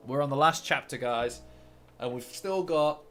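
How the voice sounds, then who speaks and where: A medium-pitched, fairly bright male voice at a moderate pace. He hosts a laid-back manga commentary stream, rambling with lots of fillers, repeated words and restarts, and faint lofi guitar music sits in the background.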